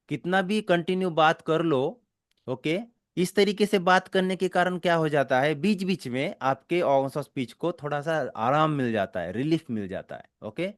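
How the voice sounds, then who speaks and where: A man's voice: a little high, no echo, studio quality. A man with an Indian accent teaching a spoken English class, explaining step by step in mixed Hindi and English and often checking that students follow. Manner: explains slowly, mixes Hindi and English, keeps checking understanding.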